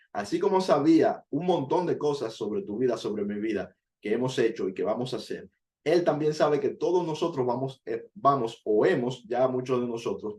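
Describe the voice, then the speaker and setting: Male Bible teacher, earnest and explanatory, mid-pitched voice, punches key words. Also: darkish tone. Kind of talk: Bible study sermon.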